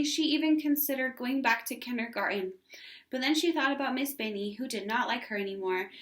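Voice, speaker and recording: A woman teacher reads a children's storybook aloud and chats with her class, her voice slightly high and fairly bright. It's storybook narration, recorded indoors at home in an echoey room.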